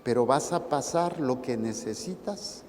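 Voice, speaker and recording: A man with a Mexican Spanish accent, a priest giving a sermon with animated, playful asides to the congregation. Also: medium pitch, measured pace, long reverb tail, slight background noise. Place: church.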